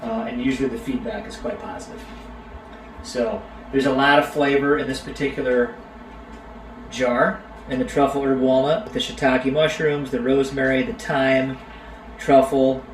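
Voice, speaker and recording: A man's voice: mid-range voice, measured pace, long pauses. A middle-aged man co-hosting a live cooking stream, chatting casually with viewers and his kids. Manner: relaxed, chatty, talks to viewers and kids by name. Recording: roomy sound from a distant mic, faint background noise.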